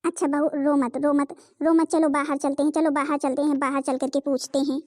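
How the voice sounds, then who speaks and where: A woman's voice: sits high, flat delivery, brisk, darkish tone, dry recording, studio quality, close to an everyday voice. A woman voicing a middle-aged mother-in-law in a cartoon, soothing and reasoning. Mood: concerned.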